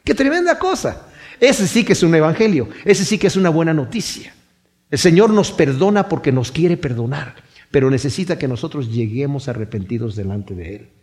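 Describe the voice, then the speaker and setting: Un hombre que predica un sermón con tono expresivo y narrativo. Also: male voice, a little high, moderate pace. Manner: expressive, storytelling preacher. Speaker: preacher. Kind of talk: sermon.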